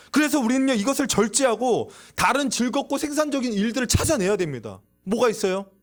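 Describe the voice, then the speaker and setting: A man preaching a youth sermon in a church, asking the listeners questions and acting out voices. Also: sits high. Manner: lively, acts out quoted voices, asks the audience questions. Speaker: youth pastor. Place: church sanctuary.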